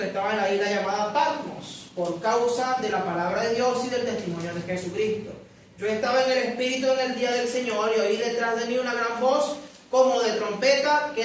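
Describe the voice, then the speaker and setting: Woman, preacher, sermon, higher voice, emphatic scripture reading, echoey church hall, distant from mic. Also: a little hiss or hum. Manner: slow emphatic scripture reading, asks congregation questions. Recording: very echoey room, voice away from mic.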